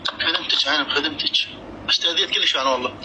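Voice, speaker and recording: A man's voice: a little high, very fast. A man with an Iraqi accent chatting casually on the phone in a concerned, reassuring way. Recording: noisy line, clear background noise.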